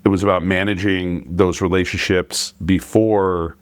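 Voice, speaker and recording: A man's voice: deep voice, level tone, a little slow, no room sound. A middle-aged man hosting a podcast, talking in a thoughtful, hesitant way in a casual interview. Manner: hesitant, many fillers and restarts, thoughtful. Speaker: podcast host.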